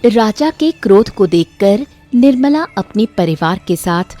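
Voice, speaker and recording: A woman narrates a children's moral story in a mellow, warm tone at a middle pitch. She keeps her reading steady and even. Faint background music runs underneath. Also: a little slow.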